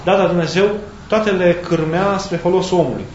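A man's voice: sits high, a little mellow. Man preaching a sermon in an echoey room. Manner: thoughtful, searching for words with pauses and restarts. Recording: echoey, dull sound with faint background hiss.

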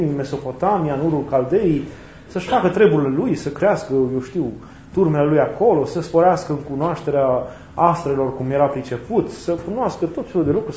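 A man preaching a sermon in a reflective way, often repeating and rephrasing his points, with touches of gentle humor. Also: fairly high pitch, slight background noise. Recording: roomy, slightly dull recording with faint ambience.

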